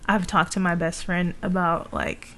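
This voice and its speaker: A man's voice: high-pitched, flat delivery, moderate pace, fairly bright tone. A man co-hosting a casual chat, talking in a laid-back, slangy way. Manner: laid-back slangy talk, laughs easily.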